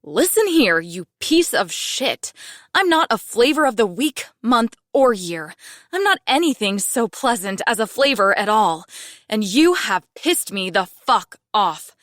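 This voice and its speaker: A man's voice: high voice, animated, moderate pace, fairly bright tone, dry recording, studio quality, voice pushed up. A man voicing a fierce, ruthless young blonde woman in an audiobook, cold and threatening as she swears. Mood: furious. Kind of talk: audiobook narration.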